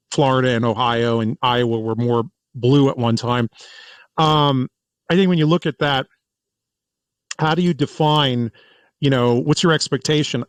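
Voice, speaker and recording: A man hosting a political podcast in casual commentary, talking in an animated way and often restarting and repeating words. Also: medium pitch, no room sound, rough recording. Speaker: podcast host.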